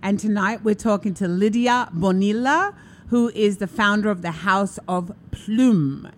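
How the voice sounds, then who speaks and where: A woman hosting a talk radio show, telling stories in an animated way, laughing and acting out quotes. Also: medium pitch, a little slow, a little hiss or hum. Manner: animated storyteller, laughs often, acts out quotes. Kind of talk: casual radio chat.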